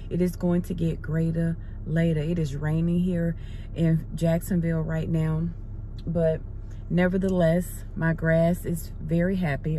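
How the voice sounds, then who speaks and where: Middle-aged woman, lower voice, upbeat car vlogger who prays in rhythmic repeated phrases, recorded on a dashboard phone with a faint hum behind. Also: mellow. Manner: upbeat, encouraging, repeats phrases in prayer cadence. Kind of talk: casual car chat and spoken prayer. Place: parked car interior. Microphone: phone camera on the dashboard.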